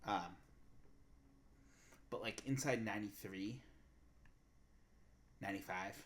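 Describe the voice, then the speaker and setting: A young man from Massachusetts takes his time on a podcast he co-hosts, his lowish voice carrying a fairly bright tone. The conversation is casual, and he thinks aloud with lots of fillers.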